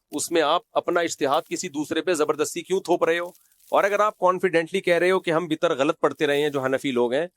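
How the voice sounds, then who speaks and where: A man's voice: fairly high pitch, a bit bright, no echo. A man who is an Islamic scholar giving a religious lecture, scolding and sarcastic, who recites Arabic quotations and mimics the people he criticizes.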